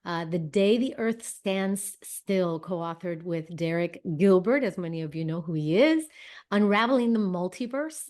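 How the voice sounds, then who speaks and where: A woman's voice: lowish voice, lively intonation, unhurried, darkish tone. A woman hosting a talk show, introducing her guest in a chatty, effusive way with plenty of fillers and restarts. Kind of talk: casual interview introduction.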